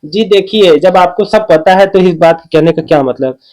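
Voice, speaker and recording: A man with a high-pitched voice talks in a relaxed, chatty way, answering his viewers' comments one by one. He keeps reassuring them and often checks in with "okay?" as he goes. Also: moderate pace, low-quality recording. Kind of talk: casual talk reading out and replying to comments.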